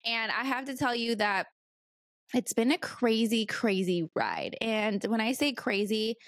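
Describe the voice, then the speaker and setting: A Californian woman in her late thirties hosts her own podcast, rambling and chatting casually on her own with lots of fillers. Her voice sits fairly high and her pace is measured. The recording is dry, with clean studio sound.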